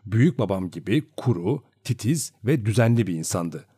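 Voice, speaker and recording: A man narrating a novel as an audiobook, with expressive storytelling. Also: on the low side, normal speed, husky, dry recording, studio quality.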